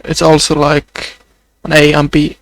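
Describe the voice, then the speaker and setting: A young man with a Swedish accent speaks off the cuff in a video diary, his voice fairly high, flat and fairly bright. He's a video journal creator who talks slowly and haltingly, hesitating and filling gaps with lots of fillers, in a voice people describe as close to crying.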